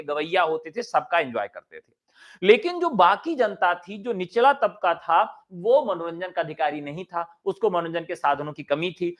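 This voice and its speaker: A man teaching an exam-prep class, chatty and animated, who asks questions and answers them himself. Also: sits high. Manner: chatty, jokes and sings a line of a folk song.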